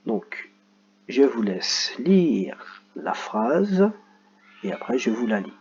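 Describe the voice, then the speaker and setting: A man's voice: mid-range voice, sing-song, slow, a little mellow, lo-fi sound, a little hiss or hum. A man teaching children a reading lesson, patiently spelling out sounds and letters.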